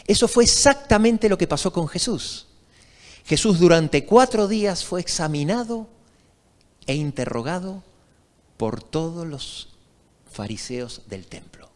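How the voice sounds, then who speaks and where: Brief: male preacher, fairly high voice, storytelling sermon, long church reverb. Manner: storytelling, asks the congregation questions. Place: church sanctuary.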